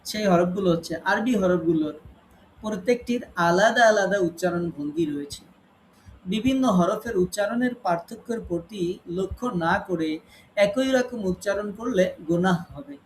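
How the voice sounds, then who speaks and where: High-voiced man teaching Quran recitation. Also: a little hiss or hum. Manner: explains patiently, recites Arabic examples slowly. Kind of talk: online tajweed class lecture. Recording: echoey room with faint ambience.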